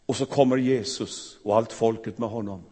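A man preaching a fervent, emotional sermon in a church, swinging between loud and soft. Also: medium pitch, fairly even intonation, slightly rough, long reverb tail.

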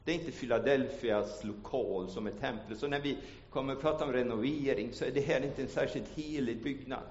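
A man preaching a sermon in a church. He shifts from hushed storytelling to loud, ringing calls. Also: mid-range voice. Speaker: pastor. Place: church hall. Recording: echoey church hall, dull lo-fi sound.

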